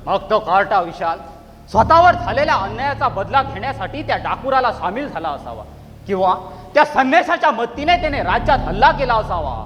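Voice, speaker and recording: An actor playing a vengeful royal advisor who speaks conspiratorially in a musical stage drama. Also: male voice, high voice, very animated, brisk, fairly bright tone, slight background noise. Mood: plotting. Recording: dull, lo-fi hall with long reverb.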